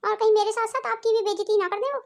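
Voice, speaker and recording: A woman's voice: very high voice, fairly even intonation, very fast, gravelly, a little hiss or hum. A woman voicing a strict, proud middle-aged mother-in-law in a cartoon, scolding and nagging, with faint music behind. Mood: complaining.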